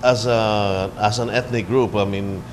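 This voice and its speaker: A man's voice: on the low side, steady tone, unhurried, a little hiss or hum. A man from the Philippines hosting a cable TV interview, chatty and joking, with many fillers. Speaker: TV talk show host.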